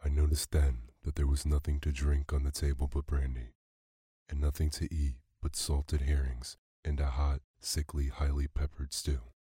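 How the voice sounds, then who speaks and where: A man narrates a classic tale for a bedtime podcast, calm and unhurried. His voice is extremely low and dark, with little rise and fall. The recording is dry and close. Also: husky, dry recording. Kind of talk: bedtime story reading.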